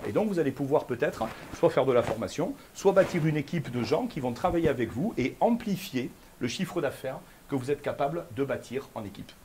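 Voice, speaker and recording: A man giving a fast, lively conference keynote, talking straight to the audience with frequent questions. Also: medium pitch, slight background noise. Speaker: keynote speaker. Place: conference room before an audience.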